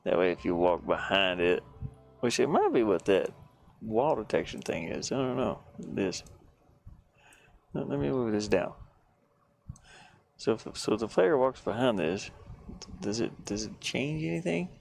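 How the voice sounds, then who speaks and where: Broadcasting live from his van, a game-making streamer muses casually about his work, often leaving thoughts unfinished. His voice is lowish with vocal fry, and he speaks at a measured pace with long pauses. There's a constant hum of background noise.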